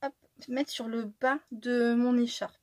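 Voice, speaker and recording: A woman chatting casually through a scrapbooking tutorial, excitable and tired, with many fillers and restarts. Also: fairly high pitch, measured pace, dry recording, studio quality. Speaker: scrapbooking vlogger. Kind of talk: casual crafting tutorial chat.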